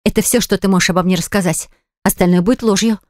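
A woman voicing a defiant young bride who answers her father in a tense, challenging voice pitched above her own. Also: fairly even intonation, fast, no echo, clean studio sound, natural voice.

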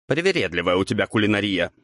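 A man's voice: fairly low pitch, sing-song, fast, fairly bright tone, dry recording, clean studio sound. A man voicing a lazy, cheeky male imp who grumbles and bickers. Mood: grumbling. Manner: grumbling, sulky.

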